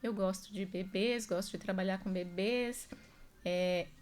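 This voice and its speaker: A woman's voice: mid-range voice, darkish tone. Earnest woman nurse on radio. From Brazil. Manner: earnest, measured storytelling. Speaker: nurse, guest expert. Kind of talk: radio interview. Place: radio studio. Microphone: studio microphone.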